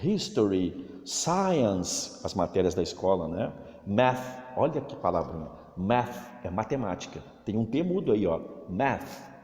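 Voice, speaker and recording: Male teacher, Brazilian Portuguese accent, lively pitch, slow drawn-out English words, echoey room with long reverb. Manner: explains slowly, stretching English words to model pronunciation. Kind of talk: recorded remote lesson for children.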